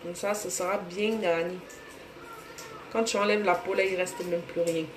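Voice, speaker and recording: Soft music plays behind a woman hosting a live cooking stream in her home kitchen, where she chats casually and welcomes viewers by name. She has a Cameroonian French accent and a lowish voice with fairly even intonation at normal speed, amid roomy echo and faint room noise.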